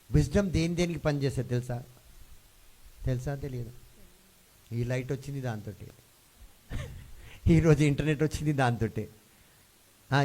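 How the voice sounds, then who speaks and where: A man preaching a sermon, dropping English phrases into his talk and calling out for responses from the congregation. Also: medium pitch. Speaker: pastor. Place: church hall.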